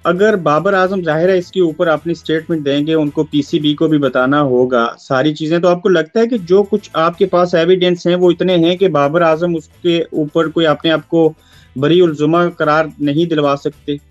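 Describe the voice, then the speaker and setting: A man with a Pakistani Urdu accent, asking probing, measured interview questions. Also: on the high side, fairly even intonation, no room sound, highs cut off, soft background music.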